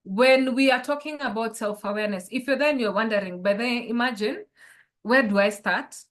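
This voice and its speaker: A woman's voice: on the high side, moderate pace, a bit bright. A woman, a life coach leading an online workshop and posing reflective questions to her listeners over a video call.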